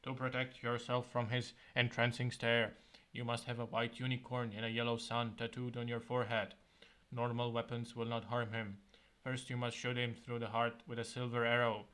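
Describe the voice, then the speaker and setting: A stern, tired old male wizard speaks calmly and gravely, laying out instructions in a measured, solemn way, as a man reading a gamebook puts him on. His voice sits at a middling pitch and stays close to an ordinary reading voice. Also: close to an everyday voice.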